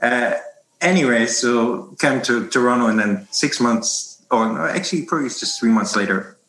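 A man from Germany in his forties, who teaches bread baking, talks informally in an interview about his teaching life, rambling and restarting a lot in his German accent. His voice is medium in pitch, a bit bright, at a normal pace, recorded roughly in an echoey room.

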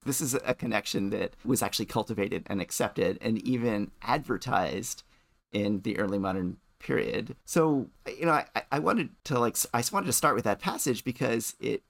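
A man's voice: fairly low pitch, moderate pace, creaky, a bit bright, no room sound. A man co-hosting a podcast, talking things through thoughtfully and often restarting his sentences. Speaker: podcast co-host. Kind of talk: casual chat.

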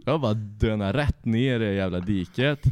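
A man's voice: fairly low pitch, darkish tone, clean tone. A young man casually telling a rowdy anecdote, swearing freely and laughing as he goes. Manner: profane, laughs through his story. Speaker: storyteller.

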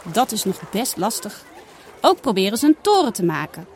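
Lively Dutch-speaking storytelling woman. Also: mid-range voice, moderate pace, slight background noise. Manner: lively voices for the children's dialogue. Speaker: storybook reader. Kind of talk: children's story read aloud.

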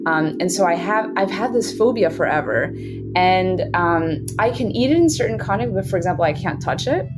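Woman over loud guitar. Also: lowish voice, expressive, moderate pace. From Switzerland. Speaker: guest telling a personal story. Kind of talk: casual personal storytelling. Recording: loud music behind the voice. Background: loud guitar music.

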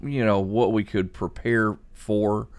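Slow, low-voiced man hosting a discussion. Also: steady tone, a little mellow. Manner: halting, repeats words as he thinks aloud. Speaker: podcast host. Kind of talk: conversational news discussion.

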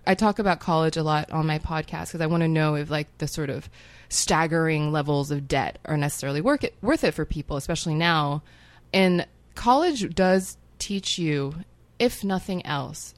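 A woman's voice: deep voice, animated, normal speed, dry recording. A woman in her thirties who grew up in Hong Kong, chatting as a podcast guest in a wry, self-mocking way and swearing freely. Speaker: guest writer. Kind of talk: casual podcast chat.

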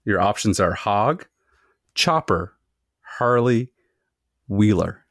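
A man hosts a casual podcast, reading trivia questions and multiple-choice options to his friends and swearing freely. His voice is fairly low, fairly bright and animated, delivered at a slow pace. The sound is studio quality with no echo.

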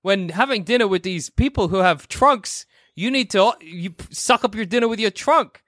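Man's jokey take on a polite butler robot, prim etiquette tutor, bright voice, dry sound. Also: high-pitched, animated, moderate pace, dry recording, voice pushed up. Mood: fussy.

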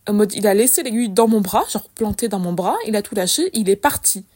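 A young woman hosting a podcast, telling casual stories in a chatty, lively, slangy way with many fillers. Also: medium pitch, quick pace. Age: young adult. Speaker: podcast host. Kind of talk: casual solo storytelling.

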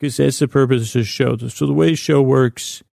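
This podcast host eases into his bedtime intro in a low, creaky, mellow voice with fairly even intonation, wandering through unfinished thoughts and circling back in a halting, self-deprecating way. It's recorded close and dry, without echo.

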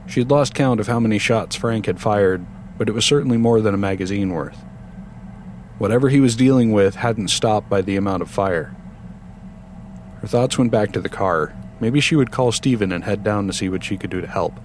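Low-voiced man narrating a horror story. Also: a little hiss or hum. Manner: steady, measured storytelling.

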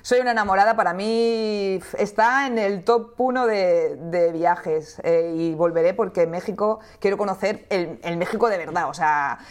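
An eager woman from talks casually. Her voice sits at a middle pitch, and she often pauses on fillers before rushing ahead. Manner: enthusiastic, with hesitant fillers. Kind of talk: casual chat.

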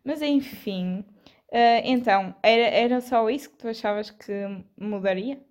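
A young woman with a European Portuguese accent chats casually in a slightly high voice. She hosts in a teasing, slangy way, bantering with her younger brother. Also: measured pace, a little mellow. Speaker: host.

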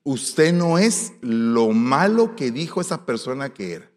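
Folksy Guatemalan pastor in a reverberant hall. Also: male voice, mid-range voice, measured pace. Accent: Guatemalan Spanish. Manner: animated, folksy, swings between soft asides and loud exclamations. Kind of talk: storytelling sermon.

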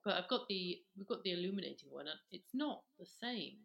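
A woman in her thirties co-hosting a casual chat, relaxed, often repeating words as she thinks. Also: on the low side, brisk, gravelly, muffled recording. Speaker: podcast co-host. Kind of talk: casual chat about skincare.

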